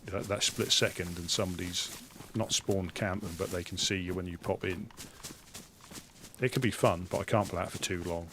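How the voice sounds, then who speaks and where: A man with a Suffolk accent chatting casually on a live game stream, rambling and hesitant, often halting mid-sentence. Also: sits low, steady tone, a bit bright, slight background noise. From Suffolk, England.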